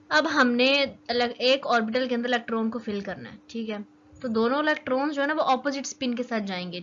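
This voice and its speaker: A woman's voice: a little high, a bit bright. A young woman giving a casual chemistry lesson, often checking in with "okay" as she explains. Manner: chatty, keeps checking in with "okay". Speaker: chemistry teacher. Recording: dull lo-fi recording with faint noise.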